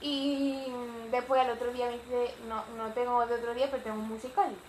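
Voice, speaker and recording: Teen Spanish vlogger, rambling storyteller, high voice, roomy echo. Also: female voice, flat delivery, fairly quick, slight background noise. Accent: Spanish from Spain. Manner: chatty, rambling with fillers. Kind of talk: casual storytime. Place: home living room.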